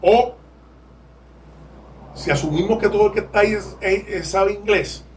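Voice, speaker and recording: A man's voice: high voice, moderate pace, distant mic, a little hiss or hum, poor audio. A man with a Puerto Rican accent, a lawyer speaking as a podcast guest, candid and digressive, laughing as he explains. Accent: Puerto Rican Spanish. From Puerto Rico. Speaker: lawyer and legal aid board president, guest. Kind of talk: podcast interview.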